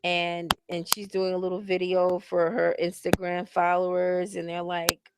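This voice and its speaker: A woman's voice: fairly low pitch, completely flat delivery, unhurried. A woman hosting her own broadcast, recapping a reality show in casual, profane commentary and lecturing her listeners directly. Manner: blunt, profane, heavy use of slang. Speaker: host reviewing a reality show. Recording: hissy home recording.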